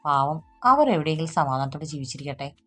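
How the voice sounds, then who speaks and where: Brief: woman doing a patient young man, soft and earnest, lowish voice, storybook. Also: fast talker, soft background music. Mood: earnest calm. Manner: calm, earnest, soothing.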